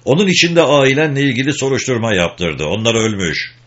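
A man's voice: mid-range voice, big pitch swings, fairly quick, a bit bright, pitched above the performer's own voice. A man voicing a small, wry English soldier who speaks bluntly and matter-of-factly, on a dull lo-fi recording.

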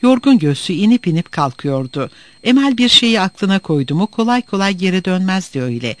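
A man reading a novel aloud as narrator, in an expressive, dramatic way. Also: high-pitched, fairly quick, no room sound.

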